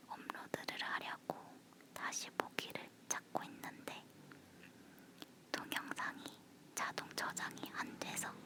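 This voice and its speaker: A woman leaning in to whisper softly in a breathy, unvoiced voice, chatting casually in ASMR style, recorded close on a phone.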